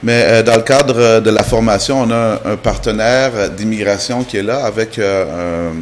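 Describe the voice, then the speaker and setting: A man's voice: lowish voice, normal speed. Man, TV guest, explains step by step with restarts, faint background noise. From Canada. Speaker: guest, immigration trainer. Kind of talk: TV interview answers.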